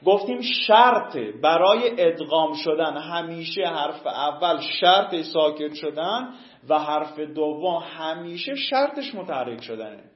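High-voiced male teacher in an echoey room. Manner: explains step by step, asks and answers his own questions, chants word forms slowly. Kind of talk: classroom lesson. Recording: echoey room, dull lo-fi sound.

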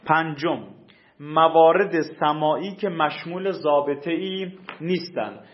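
A male teacher giving a classroom lecture on recitation rules, explaining patiently and quizzing his students. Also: on the high side. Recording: echoey room, dull lo-fi sound.

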